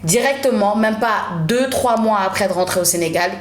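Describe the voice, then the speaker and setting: A woman's voice: medium pitch, normal speed. A woman from Senegal in her thirties, a journalist and TV presenter, telling her story in a casual interview chat and slipping in English phrases. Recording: roomy studio sound.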